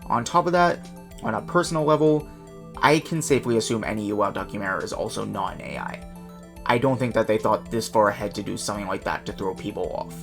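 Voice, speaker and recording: A man narrating a casual video with a quick, self-mocking, chatty delivery. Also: lowish voice, gravelly, over music. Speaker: YouTuber and documenter.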